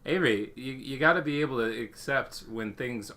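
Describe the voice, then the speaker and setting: A young man, a father, talking casually to camera at home, often rambling and restarting his sentences, and gently hushing with patient reassurances. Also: medium pitch, moderate pace. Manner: rambling, self-correcting restarts. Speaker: father vlogging. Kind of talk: casual talking-head vlog. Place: at home indoors.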